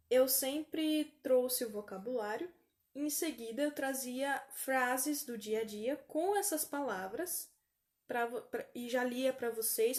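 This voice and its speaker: A woman with a Brazilian Portuguese accent teaching an online English lesson, repeating each word slowly for pronunciation practice. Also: high voice.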